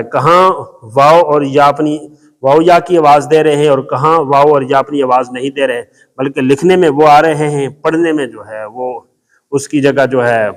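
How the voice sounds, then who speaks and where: A man teaching a Quran reading lesson, explaining patiently with emphatic repetition. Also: on the high side. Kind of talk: classroom lesson explaining Arabic letters. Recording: long hall reverb.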